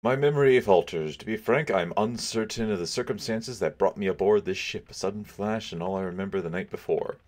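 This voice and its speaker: A man's voice: lowish voice, brisk, hardly any pauses, darkish tone, pitched above the performer's own voice, natural voice. A man reading out the lines of an uncertain, amnesiac adult male ship captain in a video game. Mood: puzzled. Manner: reading game dialogue aloud in character.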